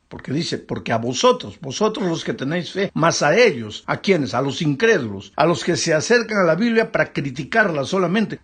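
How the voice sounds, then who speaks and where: A man's voice: a little high, breathy edge. A male pastor preaching a Bible lesson, emphatic, asking rhetorical questions and answering them himself.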